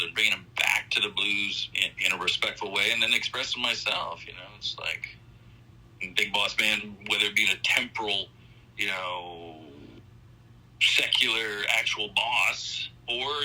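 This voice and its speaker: Man, rambling interview guest, very bright tone, a bit husky, phone line audio. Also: lowish voice, normal speed. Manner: rambling, loose, peppered with "you know" and "like". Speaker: musician guest. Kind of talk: casual interview chat.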